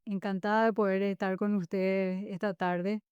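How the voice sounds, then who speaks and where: A woman's voice: mid-range voice, little pitch movement, normal speed, clean tone, no echo, lo-fi sound. A middle-aged woman from Paraguay, answering interview questions in a reflective, hesitant way. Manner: warm, reflective, frequent hesitations. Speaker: guest architect.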